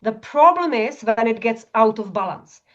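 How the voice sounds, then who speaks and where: A woman from Czechoslovakia talks passionately as a guest, explaining step by step and checking in with little tag questions. Her voice sits a bit high. The audio is somewhat dull and lo-fi. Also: animated, moderate pace. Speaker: functional medicine practitioner guest. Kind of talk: explanatory interview talk.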